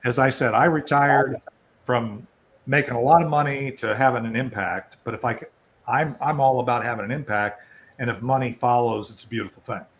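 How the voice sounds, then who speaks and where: An older man with a medium-pitched voice speaks briskly as he hosts an online networking event over a video call, with slight background noise. He's informal and tends to ramble a bit while presenting and fielding questions.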